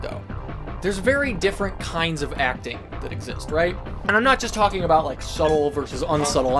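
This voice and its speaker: Casual, sweary game commentator over music. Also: medium pitch. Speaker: video creator reviewing a game.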